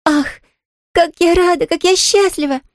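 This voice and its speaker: A reader voicing an excitable young girl in an audiobook, bursting with joy and on the edge of happy tears. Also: high-pitched, fast, no echo, clean studio sound, voice pushed up, close to an everyday voice. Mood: overjoyed. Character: joyful emotional young girl. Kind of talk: audiobook character voice.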